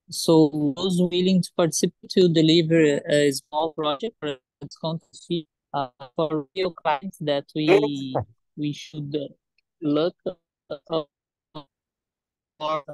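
A man's voice: a little high, fairly even intonation, darkish tone, dry recording, rough recording. Man on a glitchy call, uneven volume. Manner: hesitant, halting, many fillers. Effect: audio cutting in and out, uneven volume. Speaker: student chapter member presenting. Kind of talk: online meeting.

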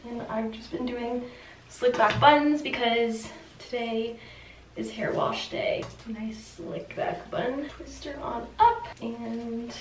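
This young adult lifestyle vlogger has a slightly high voice with fairly even intonation and a slow pace, chatting informally in short, thinking-aloud phrases while filming her day at home. She moves around her apartment kitchen and other rooms, picked up by a camera mic a few feet away that makes the audio roomy, distant, and noisy.

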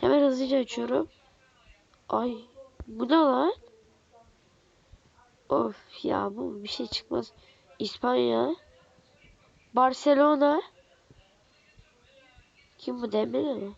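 A young woman with a stuffy nose, giving casual, excitable commentary as she opens card packs in a game, swinging from muttering to squealing. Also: a little high, takes it slowly, gravelly, pauses often, highs cut off. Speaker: gaming YouTuber. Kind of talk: casual pack-opening commentary.

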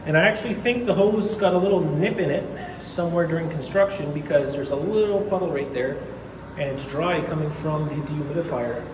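A man speaks a little high and a little fast, hardly pausing, while filming his basement repairs on a handheld phone as he walks. A DIY home renovator, he narrates casually in a rambling, matter-of-fact style heavy on fillers, and the concrete space is echoey and noisy.

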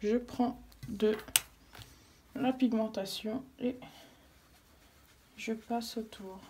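A woman's voice: on the high side, steady tone, extremely slow, mellow, a little hiss or hum. A woman explaining a craft technique at home as she works, hesitating often with fillers and restarts. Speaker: craft tutorial vlogger. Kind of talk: casual demonstration while working. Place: at home, daughter nearby.

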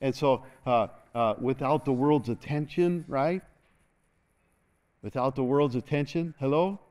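A middle-aged man preaching a sermon from a church stage, animated and constantly calling for an "amen" from the congregation. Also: medium pitch, unhurried. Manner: animated, moves about the stage, call-and-response asking "amen". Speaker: pastor. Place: large church stage, indoors.

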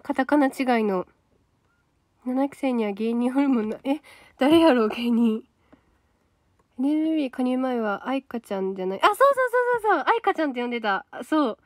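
A woman's voice: a little high, expressive, fairly quick, dry recording, studio quality. Chatty Kansai-accented young woman livestreaming. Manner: casual, chatty, reacts to comments aloud. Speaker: idol trainee livestream host. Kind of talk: solo livestream chat reading viewer comments.

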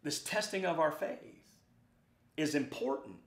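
Male preacher, high-pitched, scripture reading and exhortation, roomy church sound. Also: animated, unhurried. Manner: reads scripture then preaches with rising fervor. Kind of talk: sermon. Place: church sanctuary.

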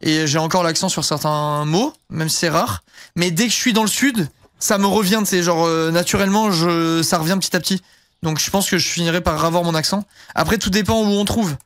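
Young male streamer, high voice, rambling casual chat, dry close sound. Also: a little fast, a bit bright, no echo. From southern France. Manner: rambling, heavy fillers, casual swearing. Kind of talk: casual live-stream chat while gaming.

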